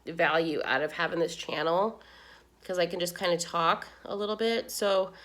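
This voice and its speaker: A woman's voice: lowish voice, steady tone, moderate pace, a bit bright. A middle-aged woman vlogger chatting casually while doing her makeup, rambling with many fillers, crying as she talks. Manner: rambling, many "you know"s, tearful and heartfelt.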